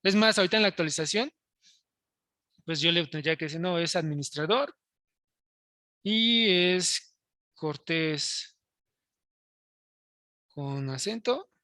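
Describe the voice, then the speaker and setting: A male programming teacher walks students through code, pausing often to ask if they follow. His voice is bright and forward, recorded close and dry with no room sound. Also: a little high, lively intonation, no room sound. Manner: explains step by step, checks in with students often. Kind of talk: live coding lesson to students.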